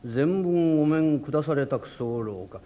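A rakugo storyteller voicing a proud, hot-tempered tofu shop owner who talks loud and rough in an old Edo manner. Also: male voice, a little high, expressive, fast. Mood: blustering. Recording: dull lo-fi old recording.

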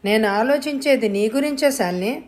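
A woman's voice: a little high, normal speed, natural voice. A woman doing a scolding, worried mother. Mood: pleading. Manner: sharp, scolding. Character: stern worried middle-aged mother, quick to scold.

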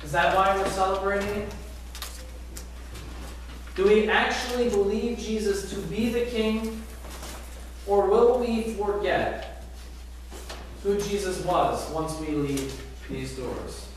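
A middle-aged man preaching a sermon as pastor, animated, asking the congregation rhetorical questions. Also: sits high, slow pace, pauses often, a little hiss or hum. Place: large church sanctuary, indoors. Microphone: far camera at back of church. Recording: very echoey sanctuary from far off.

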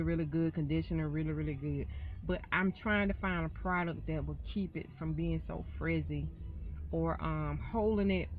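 A woman's voice: deep voice, a little hiss or hum, low-quality recording. A middle-aged woman vlogging casually from a parked car, talking in a rambling, folksy way into a tablet camera. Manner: rambling, folksy, says y'all often. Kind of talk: casual chatty car vlog. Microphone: tablet camera held close.

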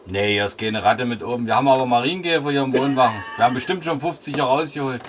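A man's voice: mid-range voice, quick pace, fairly bright tone. A young man working as a CB radio operator, chatting casually inside a small caravan. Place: small caravan on a hill, indoors. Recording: very noisy, clicks, radio sounds.

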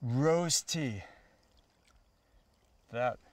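A man's voice: mid-range voice, very slow, soft background music. A man hosting a travel cooking show, enthusiastic and exclaiming over the food as he chats with a chef. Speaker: host. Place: outdoors on a mountain, then a kitchen.

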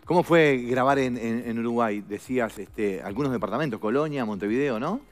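Chatty talk show host, quick affirmations. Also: mid-range voice, faint music behind. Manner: interjects short affirmations, chatty. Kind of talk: casual interview chat.

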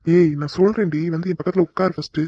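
A man's voice: high-pitched, fairly even intonation, fast talker, dark tone, no room sound, lo-fi sound. A man voicing an affectionate young husband in a cartoon who coaxes his wife in a tender way. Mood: tender, coaxing. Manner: tender, coaxing. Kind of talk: cartoon voice acting.

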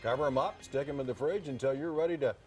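An older man anchors a cooking segment from a TV studio, his voice pitched in the average range. He introduces the guest and keeps things moving with short affirming remarks, with faint music behind him. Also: quick pace. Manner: brief affirming interjections. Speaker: news anchor.

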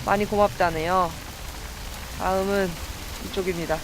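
A woman streamer giving let's play commentary, excitable and talking to her viewers as she plays. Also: fairly low pitch, moderate pace, very noisy. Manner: excitable, talks to viewers while playing. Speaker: game streamer.

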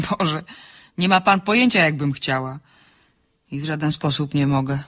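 In a radio drama, an actress plays a dry, ironic, sharp-tongued woman architect trading wry quips on the phone. Her deep voice is a bit bright and moves at a normal speed.

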